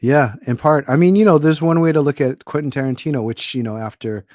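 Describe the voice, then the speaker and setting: Talking fast in a medium-pitched, somewhat dark voice, a middle-aged Hawaiian author chats as a podcast guest. His casual talk is thoughtful and meandering, full of fillers, and the studio audio is clean with no room sound.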